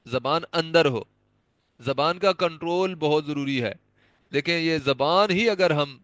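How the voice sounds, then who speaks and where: In a dry recording, a man with a fairly high, slightly bright voice gives a pronunciation lesson on Quran recitation. He patiently explains how letter sounds are formed and demonstrates each one repeatedly.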